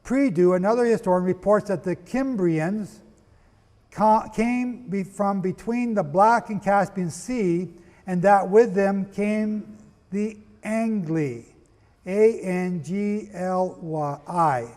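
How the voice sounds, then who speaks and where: A man giving a sermon-style history lecture, firing rhetorical questions at his listeners, spelling out names and rushing to get through it. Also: high voice, a little mellow, big-room sound. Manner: asks the audience rhetorical questions; rushes, apologizes for talking fast. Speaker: preacher.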